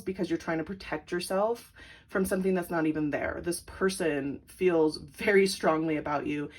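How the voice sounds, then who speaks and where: Giggly woman tarot reader, lowish voice. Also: a little mellow. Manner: giggly, breaks into frequent laughs; chatty, filler-heavy with repeated "like". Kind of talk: tarot reading to camera.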